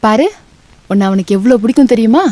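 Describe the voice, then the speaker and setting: A woman's voice: on the high side, fast talker, mellow, no echo, lightly acted. A woman playing an indulgent, coaxing mother. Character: indulgent mother siding with her son.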